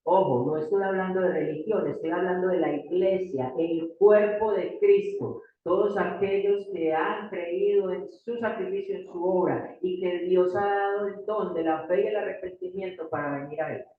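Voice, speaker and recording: A Colombian pastor with a Paisa accent preaches a sermon in a church hall, emphatically repeating key phrases and putting rhetorical questions to the congregation. His high-pitched voice holds a steady tone at a moderate pace with few pauses. The sound is distant and echoey, thin like a phone.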